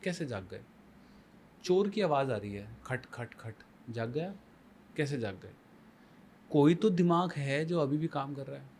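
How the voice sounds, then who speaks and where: A man's voice: on the high side, animated, measured pace, pauses often, darkish tone, a little hiss or hum. A man as the guest life coach on a podcast, explaining emphatically with rhetorical questions and mixing Hindi with English phrases. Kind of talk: podcast conversation.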